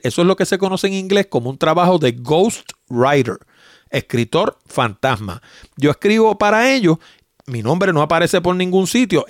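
Podcast host: middle-aged Puerto Rican man, lively pitch, fairly high voice, emphatic explainer. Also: no room sound, clean studio sound. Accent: Puerto Rican Spanish. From Puerto Rico. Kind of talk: casual solo podcast talk.

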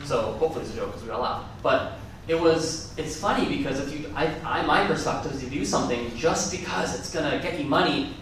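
A man with a rather high, slightly bright voice talks fast, with a faint hiss or hum in the background. A native Gujarati speaker, he gives a casual, chatty, rambling talk at a conference, often correcting himself mid-sentence. The recording comes from a large conference room with an echoey hall and a distant mic.

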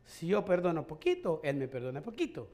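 Hombre predicando con preguntas retóricas. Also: male voice, on the high side, huge pitch swings, fairly quick, mellow. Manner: conversational preaching with rhetorical questions and chuckles. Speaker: pastor. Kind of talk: sermon.

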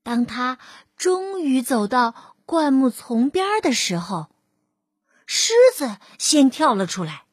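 A woman narrating a children's storybook in an expressive, drawn-out manner. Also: high voice, slightly rough, no room sound, studio quality.

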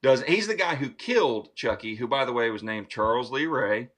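Man, podcast host, casual film chat, enthusiastic, swears freely, mid-pitched voice. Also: animated, moderate pace, a bit bright, husky. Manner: enthusiastic, profane, retells scenes. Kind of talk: casual movie review chat.

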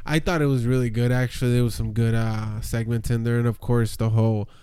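A man co-hosting a wrestling podcast, halting as he searches for words. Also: medium pitch, little pitch movement, mellow, smooth, no echo, studio quality. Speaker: podcast co-host. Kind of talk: casual wrestling podcast chat.

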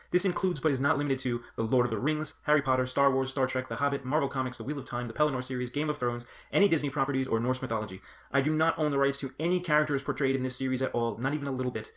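A man's voice: mid-range voice, fairly bright tone. An American man hosting a podcast with scripted comedic narration in a wry, tongue-in-cheek manner. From United States.

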